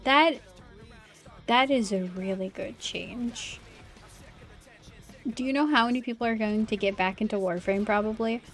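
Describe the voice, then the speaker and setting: A woman's voice: a little high, unhurried, long pauses, soft background music. A woman game streamer chatting casually with her viewers while she plays, often apologising. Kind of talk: casual livestream chat while gaming.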